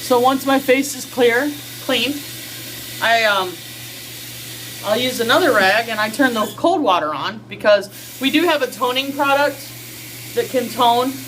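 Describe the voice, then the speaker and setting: Unhurried and expressive, a woman in her forties talks through her skincare routine in a folksy, filler-laden how-to chat from a small home bathroom. Her voice is fairly high and a bit bright. The built-in camera mic is close, but the audio is poor, with a little hiss or hum.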